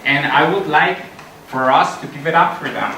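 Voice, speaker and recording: A conference speaker, a middle-aged man from Costa Rica, talks earnestly with frequent fillers in a large conference hall. His fairly high voice is gravelly at a moderate pace, and the recording is very noisy. It comes from far off in the echoey hall, with music in the mix.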